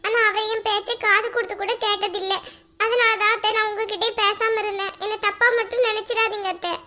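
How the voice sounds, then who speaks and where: A woman voicing a young married woman in an animated family drama, emotional and pleading. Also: extremely high pitch, brisk.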